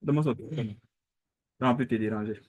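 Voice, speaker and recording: A man's voice: mid-range voice, fairly quick, darkish tone, dry recording. A man making brief, offhand remarks in casual chat.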